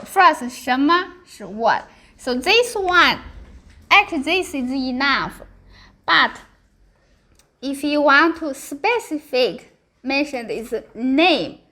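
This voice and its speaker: In a high, sharp, sing-song voice, a Mandarin-speaking woman with a Chinese accent leads a language lesson, taking it slowly. She uses short simple phrases, repeats them, and checks that students understand while drilling and explaining.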